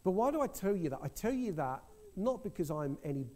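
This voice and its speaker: A man's voice: high-pitched, very animated, brisk, a little mellow. A man preaching, telling a story to his congregation in an earnest way with frequent restarts. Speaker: preacher sharing a testimony. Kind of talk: sermon testimony.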